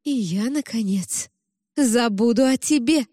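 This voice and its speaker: Woman doing a giddy overeager mother, high exclamations, dry close sound. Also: unhurried, warm tone, no echo, long reverb tail. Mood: overjoyed. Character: mother, frantic and eager.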